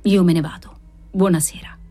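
A woman voicing a frightened male spirit medium who speaks quietly in a hoarse, low voice. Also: steady tone, moderate pace, close to an everyday voice. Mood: fearful.

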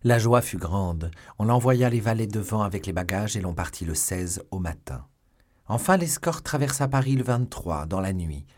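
A man narrating a classic novel as an audiobook in a measured, expressive reading. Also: lowish voice. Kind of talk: scripted narration.

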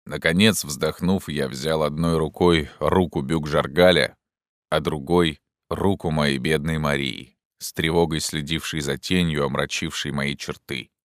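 A man reading a novel aloud in the first person, in a measured and grave manner, close to a studio mic. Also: rumbling low, steady tone, no room sound. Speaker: audiobook reader. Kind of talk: first-person literary narration.

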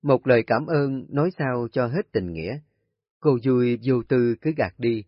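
Husky guy reading a story, calm and steady, dull lo-fi sound with faint music. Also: mid-range voice, measured pace, no echo. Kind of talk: scripted story narration.

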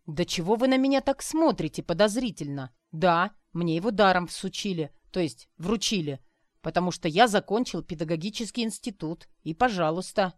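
A woman reader voices a boorish, self-important male schoolteacher who barks orders and lectures in a gruff, lowish, dry voice. The delivery is blustering and lightly acted, at normal speed, with no room sound.

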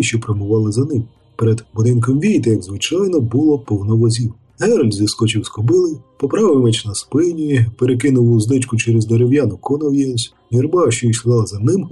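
A man narrating an audiobook in a measured, even storytelling manner, with faint music behind. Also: medium pitch, husky. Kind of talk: scripted narration.

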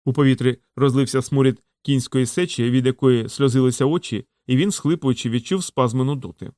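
A male audiobook narrator with a mid-range voice, reading in a steady, measured way. The sound is close and dry, with no room around it. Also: medium pitch, no room sound. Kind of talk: scripted narration.

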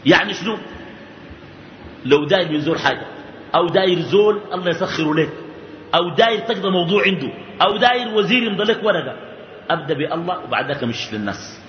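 Sudanese preacher, man, fairly high voice, slow stressed phrases then rapid asides, muffled lo-fi recording. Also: a little hiss or hum. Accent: Sudanese Arabic. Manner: animated, swings between slow emphatic phrases and quick asides. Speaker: sheikh giving a religious lesson. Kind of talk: colloquial sermon. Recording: echoey hall, dull lo-fi sound.

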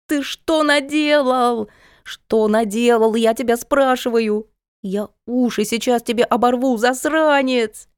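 A woman reader voicing the narrator's excitable, whiny adult sister, who talks in a shrill, pleading way. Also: measured pace, clear, resonant tone, no echo, clean studio sound, lightly acted. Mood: furious.

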